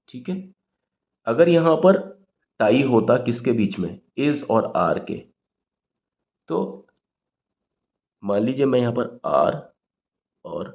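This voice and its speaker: A man's voice: medium pitch, gravelly, a little mellow, lo-fi sound. A man teaching English grammar in Hindi, patiently explaining words and often checking with "okay?".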